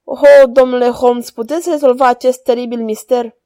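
A woman's voice: fairly high pitch, fairly even intonation, mellow, natural voice. A woman voicing a frightened man who pleads urgently for help in a storybook reading. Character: frightened, desperate male schoolmaster.

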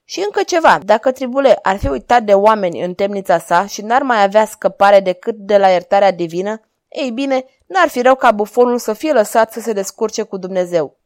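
A woman's voice: mid-range voice, expressive, no room sound, studio quality, close to an everyday voice. Woman playing a cold cruel king. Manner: commanding, measured.

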